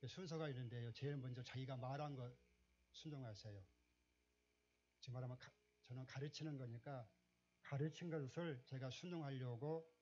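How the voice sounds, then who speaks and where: A man preaching a sermon as a pastor, telling a story and rising to loud, emphatic exclamations. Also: medium pitch, husky. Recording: dull, muffled recording.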